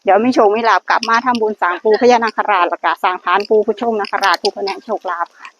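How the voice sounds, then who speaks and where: Rapid-fire and fairly even in intonation, a medium-pitched woman with an Isan (Northeastern Thai) accent vlogs at a temple. She earnestly shares blessings and lottery luck prayer advice with viewers she calls brothers and sisters. The recording is dull and lo-fi, with faint noise.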